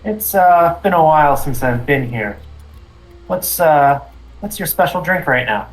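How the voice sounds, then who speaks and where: A man playing a tabletop role-playing game, speaking casually and haltingly as he improvises his character's actions. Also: fairly high pitch, lively intonation, faint music behind, low-quality recording.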